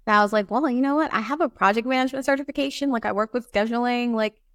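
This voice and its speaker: A woman's voice: fairly high pitch, fast, no echo, studio quality. A woman from Barbados, a time management coach, chatting as an interview guest with lots of fillers and an upbeat manner. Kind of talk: casual interview talk.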